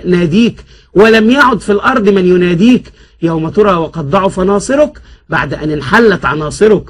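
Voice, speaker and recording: A man's voice: high voice, breathy edge. A man voicing a tearful male preacher collecting donations on a bus, sermonizing in solemn rhymed prose.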